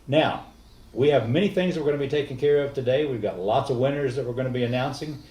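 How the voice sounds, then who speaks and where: A man hosting a virtual powwow welcomes viewers informally in a folksy emcee style. He talks fast in a mid-range voice with a dark tone, and the echoey recording from a distant mic has faint noise.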